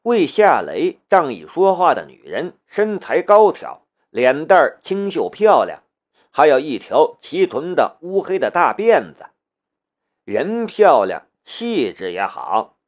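A man reading a serialized novel aloud. His storytelling is expressive and animated, with a voice a bit higher than most men's. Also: slow pace. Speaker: audiobook narrator. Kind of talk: scripted novel narration.

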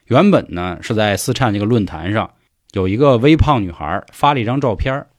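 A man's voice: fairly low pitch, expressive, fairly quick, no room sound, studio quality. A man with a Beijing Mandarin accent telling an urban legend in a chatty, colloquial podcast style. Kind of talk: podcast storytelling.

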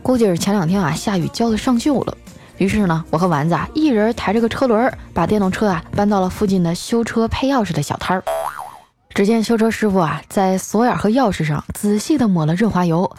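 A woman, telling comic everyday anecdotes in a lively, chatty way. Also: mid-range voice. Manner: lively, chatty, acts out quoted voices. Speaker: podcast host. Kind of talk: comic storytelling. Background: soft background music.

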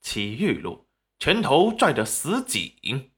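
Animated male audiobook narrator. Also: medium pitch, slow pace. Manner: dramatic, animated.

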